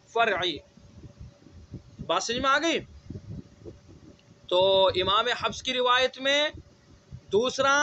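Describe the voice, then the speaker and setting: High, bright-voiced male tajweed teacher. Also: dull audio, a little hiss or hum. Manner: explains step by step, repeats words slowly, asks checking questions. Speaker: Quran recitation teacher. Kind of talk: online tajweed lesson.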